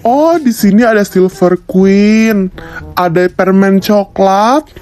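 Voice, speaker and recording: A woman's voice: mid-range voice, warm tone, faint music behind, close to an everyday voice. A woman voicing a friendly, patient male corner-shop owner in a toy story video, speaking politely and without hurry. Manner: polite, unhurried shopkeeper talk.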